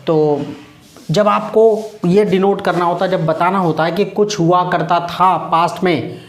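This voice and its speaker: A man's voice: high-pitched, steady tone, a little slow, echoey room. A man teaching an English grammar lesson to students, patiently repeating key words and quizzing them.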